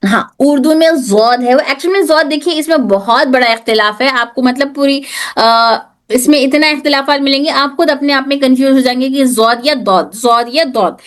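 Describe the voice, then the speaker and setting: High-voiced woman teaching Quran recitation. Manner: patient, repeats sounds slowly for drilling. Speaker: tajweed teacher. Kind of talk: online class lesson.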